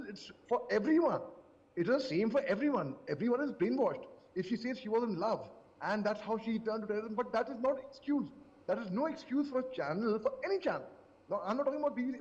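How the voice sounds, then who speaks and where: A man speaking as a panelist on a live news debate, animated and sarcastic, repeating phrases for emphasis, from a hotel event. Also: high voice, a little fast, long reverb tail, lo-fi sound.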